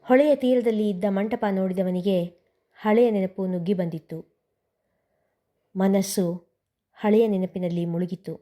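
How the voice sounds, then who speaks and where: Calm lady reading a family story, mellow warm voice. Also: medium pitch, a little slow, long pauses. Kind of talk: scripted story narration.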